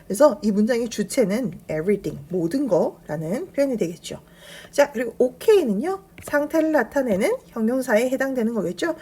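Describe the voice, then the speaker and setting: A woman teaching a beginner English lesson, her voice a little breathy and husky. Her pitch moves up and down a lot as she explains grammar patiently, step by step. She slows right down to repeat each English phrase carefully for her students. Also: very animated, mellow.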